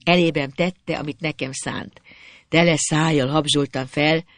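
A reader narrating a literary story in the first person, expressive and melancholy. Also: mid-range voice, no echo.

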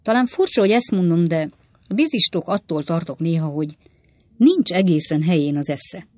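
A woman voicing a genial, polite elderly gentleman who is easily startled, fussy and courteous. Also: expressive, no echo, natural voice. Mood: uneasy. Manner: fussy and courteous, rising to high exclamations. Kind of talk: audiobook character voice.

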